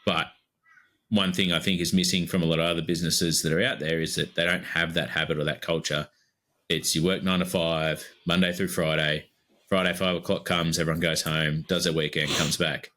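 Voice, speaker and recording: A low-voiced Australian podcast co-host talks in a relaxed, rambling way, dropping in lots of fillers. His tone is bright, forward and level, and his pace is a little fast.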